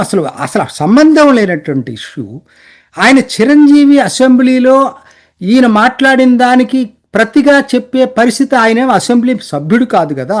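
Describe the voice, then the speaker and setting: A man's voice: very high voice, a little mellow. A man delivering an emphatic, indignant political commentary monologue, firing off rhetorical questions and addressing listeners politely.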